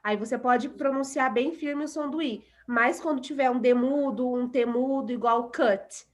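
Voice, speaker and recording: Patient Brazilian woman teaching English. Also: sits high. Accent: Brazilian Portuguese. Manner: patient, repeats example words slowly. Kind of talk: online class explanation.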